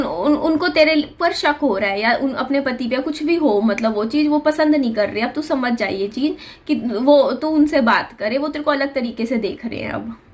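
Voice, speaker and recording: A young woman vlogger telling a personal story in an earnest, confiding way, often repeating herself. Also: high-pitched.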